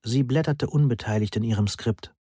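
Husky dry-voiced male audiobook narrator. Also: medium pitch, moderate pace, warm tone, no room sound. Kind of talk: first-person audiobook narration.

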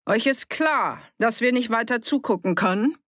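A reader voicing a boastful village man who stirs up a pub crowd, raised and loud. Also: a little high, normal speed, creaky, dry recording, clean studio sound. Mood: agitated. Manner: loud, rabble-rousing, boastful. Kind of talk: audiobook character reading.

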